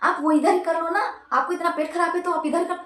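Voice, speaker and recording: A woman's voice: extremely high pitch, fairly even intonation, brisk, a bit bright, roomy sound, pitched above the performer's own voice. A woman voicing a timid young male truck helper who pleads and stammers anxiously.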